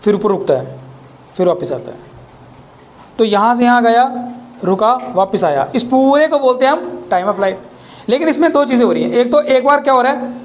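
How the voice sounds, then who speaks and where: A man's voice: very high voice, expressive, normal speed, slight background noise. Chatty male physics teacher, teasing class. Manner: chatty, teasing students with rhetorical questions.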